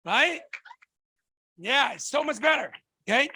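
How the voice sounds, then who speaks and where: A man's voice: extremely high pitch, animated, measured pace, pushed and bright, slightly rough, no echo. A man from Tonga, giving a fervent motivational stage talk and firing rhetorical questions at the audience. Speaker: motivational speaker.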